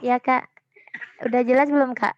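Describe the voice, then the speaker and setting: A woman's voice: sits high, steady tone, moderate pace. A woman student asking a question politely and hesitantly in an online class, her voice choppy and cutting out over a video call. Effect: choppy, cutting-out online call audio. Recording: dull lo-fi call audio with faint noise and clicks.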